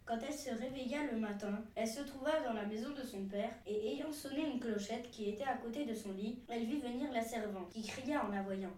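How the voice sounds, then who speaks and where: A woman narrating a fairy tale aloud in a steady, measured reading voice. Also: on the high side, distant mic. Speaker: storyteller. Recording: echoey room, voice from afar.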